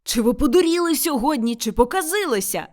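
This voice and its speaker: A gruff, hungry and angry old peasant father from an audiobook, as a woman narrator voices him. He shouts commands in a lively voice. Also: high-pitched, fairly quick, pitched above the performer's own voice. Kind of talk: audiobook character voice.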